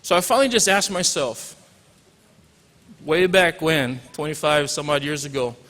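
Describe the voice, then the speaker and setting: At a normal speed and in a voice on the high side and a bit bright, a Hawaiian-accented man in his forties, a teacher, gives a casual graduation speech with jokes and Pidgin asides. The recording echoes through a large hall.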